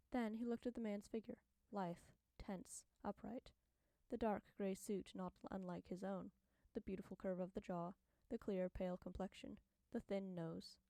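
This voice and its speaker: A woman reading an audiobook as narrator, in a measured, unhurried manner on a close studio microphone. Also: medium pitch, warm tone, no echo. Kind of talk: scripted narration.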